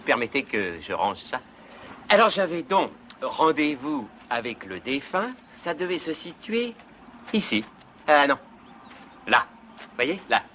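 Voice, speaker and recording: A man's voice: mid-range voice, very animated, slow, long pauses, pushed and bright, a little hiss or hum, full character voice. An actor playing a fussy, formal, dignified man demonstrating his story in a film comedy. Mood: fussy, eager.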